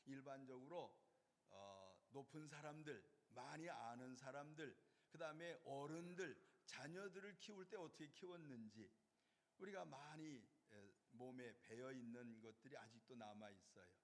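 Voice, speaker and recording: A man's voice: medium pitch, moderate pace, in a large hall. A man preaching a sermon as pastor, explaining patiently and putting questions to his congregation. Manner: explanatory, asks the congregation questions and answers them. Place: church sanctuary.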